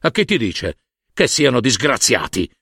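A man's voice: medium pitch, big pitch swings, measured pace, vocal fry, slightly rough, no echo, full character voice. A man voicing a sanctimonious, greedy old monsignor who fusses, preaches and wheedles. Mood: scornful. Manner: fussy, wheedling, preachy, with soft asides. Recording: dry close studio sound.

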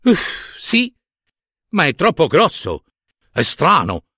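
A man's voice: on the high side, wildly swooping pitch, slow, bright, forceful tone, slightly rough, dry recording, clean studio sound, heavily acted. A rude, blunt duck, voiced by a man. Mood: scornful. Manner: blunt, dismissive.

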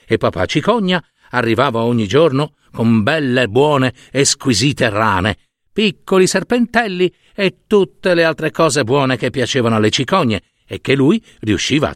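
A man reading a fairy tale aloud, expressive and playful with sound words. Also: medium pitch, no room sound, clean studio sound. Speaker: storyteller.

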